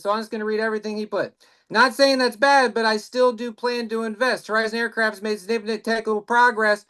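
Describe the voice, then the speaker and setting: A man with a notably high voice co-hosts a casual live chat. He jokes with the others and then reads viewer comments aloud at length, stumbling through them with frequent "uh"s. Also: a bit bright. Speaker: co-host reading viewer comments.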